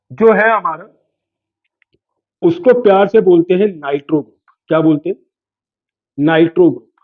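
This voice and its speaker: A man with a high voice teaches a class from the board, playfully asking his students questions and answering them himself. The recording sounds thin and tinny, as if heard over a phone line. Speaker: chemistry teacher.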